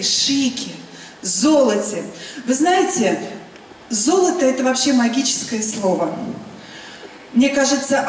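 A middle-aged woman giving an emphatic presentation speech on a large stage, in short phrases with pauses. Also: a little high, a little mellow. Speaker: company cosmetics director presenting. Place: large event hall stage. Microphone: handheld mic through PA, recorded from the audience. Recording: echoey hall PA, noisy, from far off.

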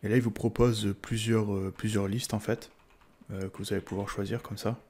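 A man's voice: fairly low pitch, flat delivery, normal speed, a little mellow. A man with a French accent explaining a tech install in a casual tutorial, hesitant, with many fillers and restarts. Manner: hesitant, many "euh" fillers and repeated words. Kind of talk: casual screen-recorded tutorial.

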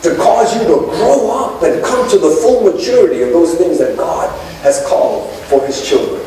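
A man's voice: sits high, sing-song, moderate pace, mellow, slight background noise. A middle-aged man preaching a sermon from the pulpit to his congregation, calling out to them as he gestures. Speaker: pastor. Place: church sanctuary with congregation. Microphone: pulpit microphone, filmed from far back. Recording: echoey church from a distance.

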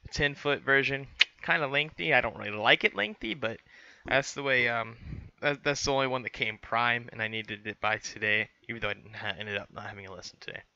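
A young adult man, a student pilot vlogger, rambles casually through a how-to, packed with fillers and restarts. His mid-range voice is bright and forceful, picked up cleanly by a headset boom mic in a small room with no room sound, though the audio is dull.

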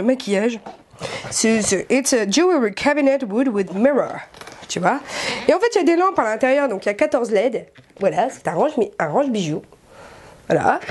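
A woman vlogging at home in a chatty, excitable way, full of fillers and self-mocking asides, speaking to a camera set back from her. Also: on the high side, a little hiss or hum. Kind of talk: casual haul vlog.

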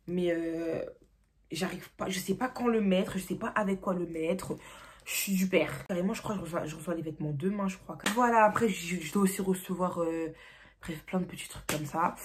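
A young woman chats casually into her phone, rambling through fillers and half-finished thoughts. Her voice sits a little low, husky and mellow. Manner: chatty, rambling, heavy filler words. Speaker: vlogger. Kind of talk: casual chat to camera. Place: at home, late at night. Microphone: phone camera.

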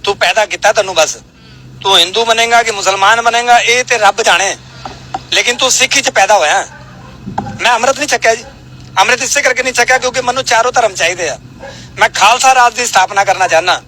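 A man's voice: high voice, fast talker, pushed and bright, slight background noise, rough recording. A man answering in a street interview, preaching and firing rhetorical questions.

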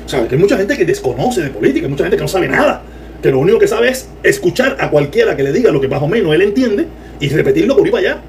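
A Cuban man with a Cuban Spanish accent, giving sarcastic, animated political commentary on a livestream and reading viewer comments. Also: high voice, fast, slight background noise. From Cuba.

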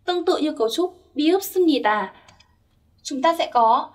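A woman's voice: high voice, lively intonation, unhurried, far from the mic. A young woman teaching Korean grammar step by step, patiently checking that her listeners follow. Her first language is Vietnamese.

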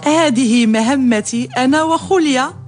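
A woman's voice: high voice, normal speed, close to an everyday voice. Actress as a devoted, emphatic woman innkeeper over music. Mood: deferential, eager. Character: devoted, grudge-bearing woman overseer of an inn. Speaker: actor in a historical radio serial. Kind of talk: radio drama acting in formal Arabic.

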